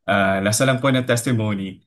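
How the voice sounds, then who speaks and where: A man in his thirties from the Philippines with a deep baritone, giving an earnest devotional testimony with many fillers. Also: brisk. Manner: earnest, mixes English into his talk, frequent fillers and "po". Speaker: lay preacher giving a testimony.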